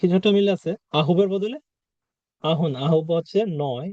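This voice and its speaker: A man with a fairly high but mellow voice teaches a vocabulary lesson. He talks patiently, repeating words and asking the listener questions. The sound is dry and a little dull, as on a lo-fi recording. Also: normal speed, no room sound. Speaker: Korean language teacher.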